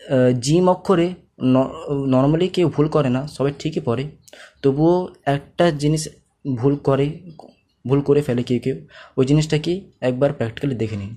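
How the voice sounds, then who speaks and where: A man, teaching a pronunciation lesson and patiently repeating each sound slowly for learners to copy. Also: medium pitch, mellow. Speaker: Quran reading teacher.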